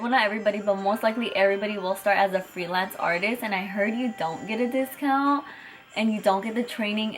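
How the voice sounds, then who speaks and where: A young woman from chatting excitedly on camera at home, with lots of fillers and retold conversations. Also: mid-range voice. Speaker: vlogger. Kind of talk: casual chat.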